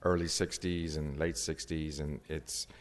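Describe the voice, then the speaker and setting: A man's voice: very deep voice, level tone, a little slow. A mature man making informal public remarks as a guest speaker, hesitant and restarting his phrases. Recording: echoing hall with crowd behind.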